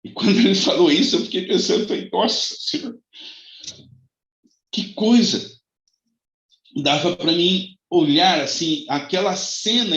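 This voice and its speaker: A man preaching as a pastor, telling a personal testimony with dramatic swings between high cries and soft low passages. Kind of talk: sermon testimony. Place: church. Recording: echoey, dull lo-fi church recording.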